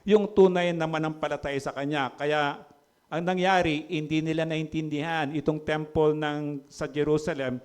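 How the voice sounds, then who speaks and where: A middle-aged man with a Filipino accent, preaching a lively sermon in a church hall and asking the congregation questions. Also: fairly high pitch, moderate pace, clear, resonant tone. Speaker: pastor.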